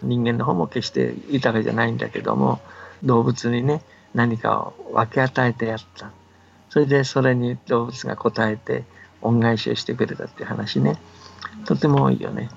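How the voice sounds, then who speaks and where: A creaky, medium-pitched male voice with fairly even intonation explains folktales at a normal speed. He's an older scholar speaking casually and patiently on the radio, frequently checking that the listener agrees. The band-limited recording is dull and carries faint background noise.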